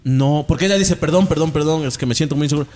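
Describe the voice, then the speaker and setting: A man's voice: fairly high pitch, fast talker, darkish tone. A man, a podcast guest telling stories in casual chat and laughing as he acts out the voices of others. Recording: long reverb, faint background noise.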